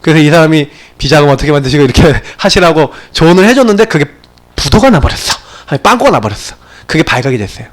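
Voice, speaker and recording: A male pastor preaching a sermon to his congregation in a church, swinging between emphatic bursts and hushed asides. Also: a little high. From Gyeongsang region of Korea. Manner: animated preaching with sudden loud peaks and quiet asides. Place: church sanctuary.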